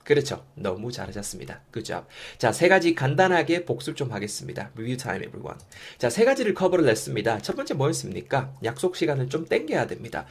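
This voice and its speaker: A man teaching English phrases in a lesson, saying the model sentences slowly for students to repeat. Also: medium pitch, big pitch swings, vocal fry, breathy edge. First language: Korean. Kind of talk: language lesson with listen-and-repeat drills.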